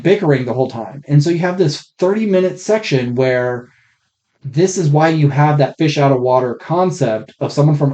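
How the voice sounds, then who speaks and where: Heard through a muffled, rough, faulty podcast microphone, this man co-hosts a laid-back film review conversation. His voice is warm and mid-range, and he rambles, cursing and speaking bluntly.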